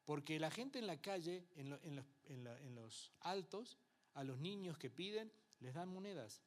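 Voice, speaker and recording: A male Uruguayan pastor delivers a Bible class sermon to his congregation in church, speaking conversationally with a fairly high pitch, lively intonation and a moderate pace. His Uruguayan Spanish carries some Mexican influence, and he keeps checking in rhetorically and acting out quotes.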